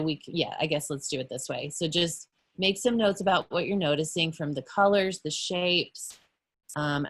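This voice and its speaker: A woman art educator with a deep voice leads teachers through an online workshop on a video call. She explains patiently, pausing frequently and correcting herself.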